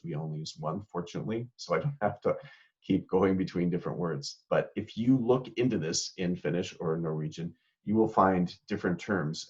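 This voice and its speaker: A man giving a casual slide lecture in a relaxed, explanatory way, often checking in with "right?". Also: low voice. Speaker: guest lecturer. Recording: slightly muffled lo-fi audio.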